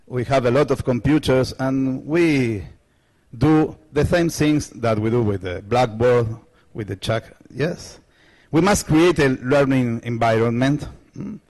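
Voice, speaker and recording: A slow-speaking man from Argentina presents a conference talk from a large lecture hall stage using a handheld microphone. His medium-pitched voice is a little mellow, and his non-native English halts often with fillers and restarts.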